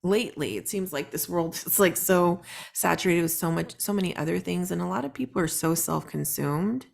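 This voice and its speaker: Woman podcast guest with a heavy vocal fry, earnest and enthusiastic in casual chat. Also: fairly low pitch, brisk.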